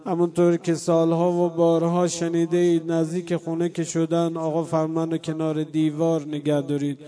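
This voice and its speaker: Indoors before a live congregation, a man delivers a mourning sermon, shifting from soft storytelling to loud, drawn-out chanted lament. His voice is a little high and monotone.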